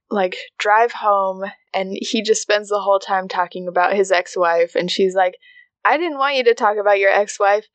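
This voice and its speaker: A woman's voice: medium pitch, no room sound. A woman co-hosting a casual podcast, talking through a drama recap with frequent laughs and acted-out lines from the characters. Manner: animated, laughs often, acts out characters' lines. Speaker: podcast co-host.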